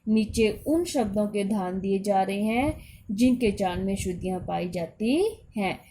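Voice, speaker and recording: Mellow-voiced woman teaching a grammar lesson. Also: mid-range voice, lively intonation, moderate pace, a little hiss or hum. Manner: explains patiently, repeats points, addresses children directly. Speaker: school Hindi teacher.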